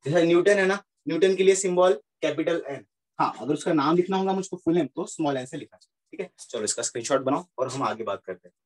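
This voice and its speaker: Higher-voiced man teaching physics. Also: quick pace, low-quality recording. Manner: repeats points, checks understanding often. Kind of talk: classroom lecture mixing Hindi and English.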